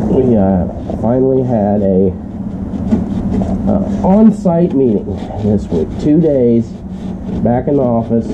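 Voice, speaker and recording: A man with a stuffy, congested voice, rambling with lots of fillers as he narrates a car repair. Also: mid-range voice. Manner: rambling, filler-heavy, mildly profane. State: congested from a cold, stuffy nasal voice. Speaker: car hobbyist doing repairs. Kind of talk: casual DIY narration while working. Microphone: action camera on the job. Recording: dull lo-fi camera audio with noise.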